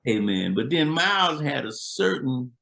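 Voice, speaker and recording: An older man, appearing as a musician guest, chats casually and retells old stories in a laid-back, slangy way. His mid-range voice is creaky and bright with a forceful tone, very animated yet delivered at a measured pace.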